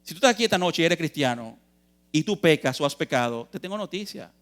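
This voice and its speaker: A man's voice: a little high, animated, quick pace, fairly bright tone. A man preaching a youth sermon in a church, earnest and emphatic, posing questions and answering them, calling his listeners brothers.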